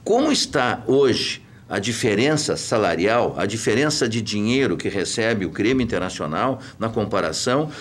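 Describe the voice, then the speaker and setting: A man's voice: fairly low pitch, animated, normal speed, few pauses. A man from southern Brazil, emphatically explaining football business as a guest on a talk show.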